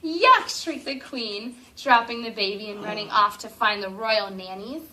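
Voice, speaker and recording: A teacher with a medium-pitched voice reads a picture book to a class of children, drawing out her words expressively and pausing to ask eager questions. She's picked up by a distant classroom camera with faint noise.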